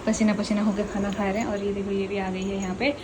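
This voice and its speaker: A woman's voice: medium pitch, little pitch movement, quick pace, background noise. A woman chatting playfully through her daily vlog, laughing often, filming on a phone on a rooftop at night. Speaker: vlogger. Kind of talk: casual daily vlog chat.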